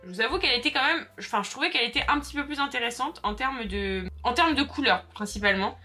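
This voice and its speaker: A young makeup vlogger chats casually with her viewers while applying her makeup, filling her talk with fillers and side comments. Her voice is a little high, expressive, bright and forceful, and she talks fast. Faint music plays in the background.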